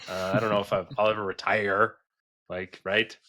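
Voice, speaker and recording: Here the forty-year-old man who hosts a business advice podcast sounds lowish and sharp, keeping a moderate pace with little pitch movement. He advises in an earnest, emphatic, conversational manner, regularly checking in with "right?".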